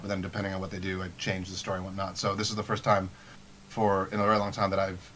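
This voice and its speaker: A man's voice: fairly low pitch, fairly bright tone, a little hiss or hum. A young man hosting a podcast as game master, talking casually and rambling with many restarts and fillers. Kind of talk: casual chat.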